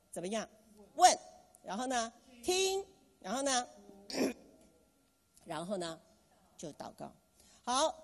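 Woman pastor preaching, voice swoops up and down a lot, slightly husky, long hall echo. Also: medium pitch. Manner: animated, asks the congregation questions and has them repeat phrases. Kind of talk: sermon.

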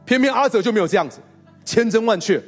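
A man's voice: high-pitched, lively intonation, fast talker, soft background music. A male pastor telling a story in a sermon to his congregation, acting out quotes and laughing along with them. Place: church hall with congregation.

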